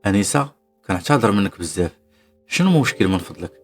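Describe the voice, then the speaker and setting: Narrator playing a smooth older businessman, Moroccan accent, gentle polite tone, low voice. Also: lively intonation, very fast, faint music behind. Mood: courteous. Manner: soft, polite speech. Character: wealthy older male restaurant owner, calm and courteous.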